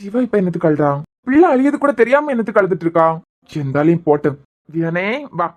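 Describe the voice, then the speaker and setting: A woman's voice: lowish voice, expressive, fast talker, darkish tone, lightly acted. A woman voicing a blunt, joking young husband in a cartoon, with a Kanyakumari Tamil accent and a teasing, mocking way of asking questions.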